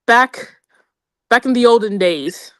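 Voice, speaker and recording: A woman's voice: on the high side, slow pace, no echo, studio quality. A young woman chatting casually with friends, telling gossipy stories full of slang and asides. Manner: animated, gossipy storytelling with slang. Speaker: storyteller among friends. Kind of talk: casual chat.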